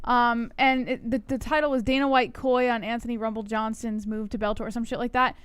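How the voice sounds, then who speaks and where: Clear, higher-voiced woman co-host. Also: little pitch movement, fairly quick, no room sound. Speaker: co-host who takes calls. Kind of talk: casual talk show chat.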